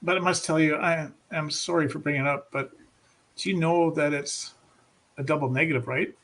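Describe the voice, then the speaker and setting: A man voicing a whimsical, rascally bearded man who speaks in a teasing, unhurried way. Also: fairly high pitch, fairly even intonation, a bit bright, voice pushed up, natural voice. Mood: playful.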